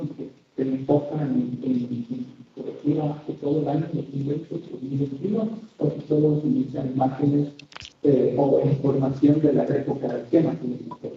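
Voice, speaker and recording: A man's voice: medium pitch, slight background noise. A man from Ecuador, asking a question in a webinar hesitantly, with frequent restarts. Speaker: audience member asking a question. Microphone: video call. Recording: echoey room, tinny phone-like line from far off.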